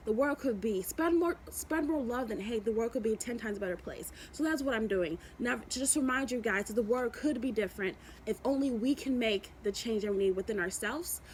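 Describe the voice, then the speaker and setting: In a low-quality recording with slight background noise, a YouTube vlogger with a voice on the high side gives motivational chat. She rambles fondly, frequently repeating herself and beginning sentences again.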